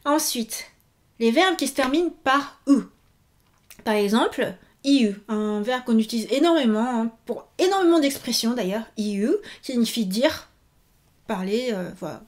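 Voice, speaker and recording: A woman's voice: a little high, animated, measured pace, a little mellow. A woman teaching Japanese verb forms in a video lesson, patiently repeating each example.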